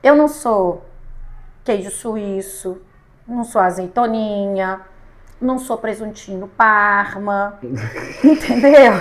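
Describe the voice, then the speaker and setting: A woman's voice: medium pitch, expressive, takes it slowly, pauses often, a bit bright. A woman with a Brazilian Portuguese accent, a podcast guest animatedly telling a story with laughter, acting out the lines of the people in it. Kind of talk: casual storytelling chat. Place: podcast studio.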